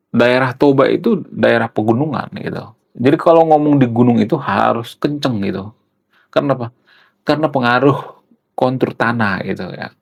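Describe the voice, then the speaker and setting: A man's voice: medium pitch, vocal fry, breathy edge. A man talking casually to camera, explaining things with rhetorical questions and frequent tag fillers. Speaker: vlogger explaining culture.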